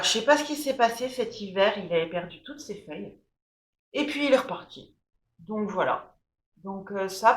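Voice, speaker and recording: A woman giving an enthusiastic, chatty tour of her houseplants, with plenty of fillers. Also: mid-range voice. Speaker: plant vlogger. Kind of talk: casual plant tour. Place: room at home. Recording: echoey room.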